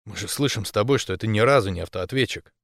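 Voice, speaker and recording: A man reading an audiobook and voicing a jumpy, bearded companion who speaks in hushed, uneasy tones. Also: lowish voice, fast talker, no room sound, studio quality. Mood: whispering. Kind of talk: audiobook character voice.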